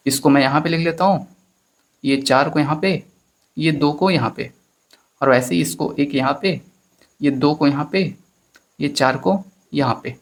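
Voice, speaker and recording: Gravelly-voiced man teaching maths. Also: on the high side, unhurried, pauses often. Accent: Hindi-speaking Indian. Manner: explains step by step, calls students friends, repeats phrases. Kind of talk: chalkboard maths lesson.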